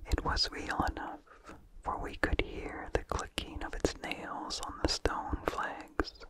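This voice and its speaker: A narrator reads a vintage horror story completely in a breathy, hushed ASMR whisper, phrasing each line deliberately.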